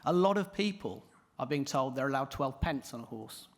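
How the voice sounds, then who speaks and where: A man with a hoarse, croaky voice giving a prepared conference presentation. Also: medium pitch, animated, normal speed. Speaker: conference speaker. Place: large echoing indoor hall. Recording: reverberant hall.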